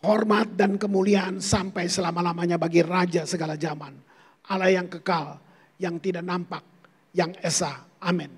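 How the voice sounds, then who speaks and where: A man's voice: high voice, fairly even intonation, moderate pace, slightly rough. A pastor preaching a sermon to his congregation, telling personal stories and calling them "saudara". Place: church sanctuary. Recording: long church hall reverb.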